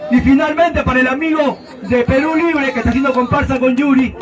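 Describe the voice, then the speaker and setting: A man's voice: extremely high pitch, steady tone, fairly quick, lo-fi sound, a crowd in the background. A Peruvian man giving a fiery, mocking campaign debate speech as a senate candidate. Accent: Peruvian Spanish. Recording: distant outdoor recording.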